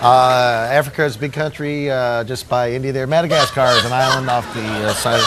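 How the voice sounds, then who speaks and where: A man's voice: medium pitch, fairly even intonation, a little fast, a loud crowd. A man hosting an improv comedy show, introducing games in a chatty, stumbling way. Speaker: game show host. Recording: live studio audience, loud noise.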